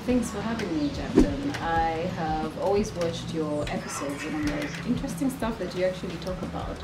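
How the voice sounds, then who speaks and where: A woman in her thirties from Uganda, a guest telling her life story in a relaxed, chatty way. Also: fairly low pitch, moderate pace. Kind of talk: casual interview conversation. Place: outdoor garden patio. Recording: echoey with clear background noise.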